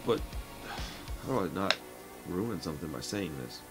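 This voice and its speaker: A man's voice: sits low, moderate pace, loud music behind the voice. A man in his late thirties giving a casual, chatty horror movie review from his home, often calling the listener "man". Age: 30s. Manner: relaxed and chatty, says "man" a lot. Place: home room lined with shelves of records and films.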